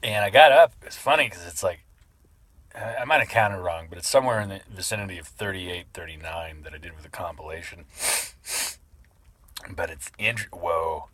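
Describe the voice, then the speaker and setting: A man's voice: low voice, normal speed, fairly bright tone. A man talking casually in a rambling vlog style, sneezing between remarks. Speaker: video creator.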